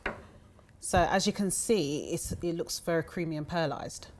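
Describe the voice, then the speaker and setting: A woman's voice: deep voice, normal speed, a little mellow. A woman with a London accent, the founder of a cosmetics brand, demonstrating a product in a chatty way with lots of ums. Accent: London English. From England. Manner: chatty, giggly, many ums.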